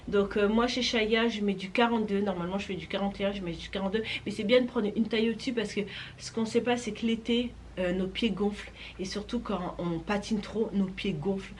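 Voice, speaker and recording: A woman's voice: mid-range voice, moderate pace. Young woman rambling happily about skates, lots of euh and restarts, noisy recording. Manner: chatty, filler-heavy, enthusiastic. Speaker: vlogger reviewing roller skates. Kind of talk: casual product talk to camera.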